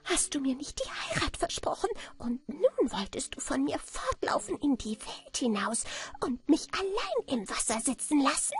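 A woman voicing a spiteful tiny old male water goblin, mocking and venomous, in a high, whispery voice in a storybook reading. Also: very animated, moderate pace.

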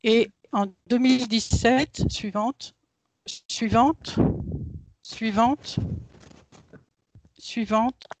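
A woman's voice: on the high side, fairly even intonation, extremely slow, pauses often, a little hiss or hum, low-quality recording. A woman professor giving a hesitant conference talk over a video call through a headset mic, her voice cut up by a choppy connection. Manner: hesitant, many filler sounds. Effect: choppy online connection. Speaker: professor presenting a research cohort.

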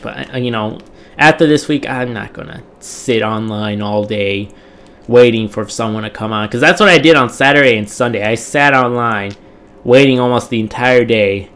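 A man's voice: mid-range voice, a bit bright, clear, resonant tone. A tired young man hosting a gaming channel, chatting casually to viewers in a rambling, repetitive way, his throat still recovering from strain. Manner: rambling, repetitive, with many fillers.

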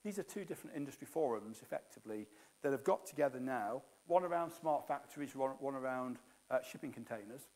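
A man's voice: medium pitch, animated, a little fast, darkish tone. A middle-aged man giving a technical keynote on a conference stage, explaining with jargon and frequent fillers. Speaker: keynote speaker.

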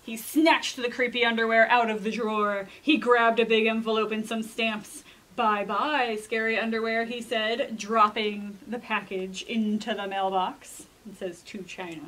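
Indoors in a children's library room, a young female children's librarian reads a storybook dramatically and chats to explain things to young listeners, theatrical and emphatic throughout. Her voice is fairly high, pushed and bright, and the recording quality is low.

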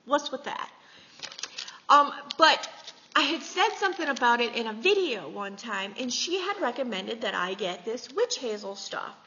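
A woman's voice: a little high, big pitch swings, normal speed, bright, forceful tone. A woman, chatting and giggling as she gushes over gifts in a vlog. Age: 40s. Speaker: beauty vlogger. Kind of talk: casual chat showing gifts. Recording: echoey, slightly dull with faint hiss.

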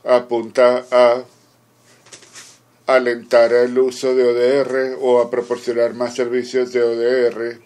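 This conference interpreter, a man, offers formal simultaneous interpretation in clipped, measured phrases punctuated by halting pauses. He speaks at medium pitch in a monotone, with a darkish, clear and resonant tone.

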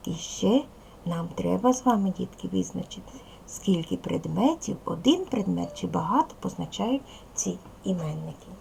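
A woman's voice: fairly low pitch, expressive, moderate pace, vocal fry, dark tone, slight background noise, poor audio. A woman with a Ukrainian accent teaching young children in a recorded video lesson, patient and speaking to them directly. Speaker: primary school teacher.

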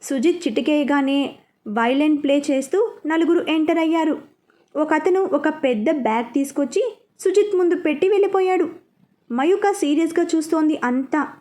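A woman's voice: high voice, normal speed. A woman narrating a serialized story, reading every part expressively. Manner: expressive, lively reading of all parts.

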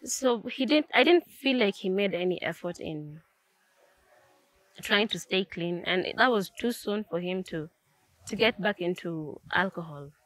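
A young woman with a Kenyan accent, a guest telling a personal story in relaxed conversation, reflective and slipping into Swahili phrases. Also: medium pitch, a little slow, no echo. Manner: reflective, mixes in Swahili phrases, frequent restarts. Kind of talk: personal storytelling in casual chat.

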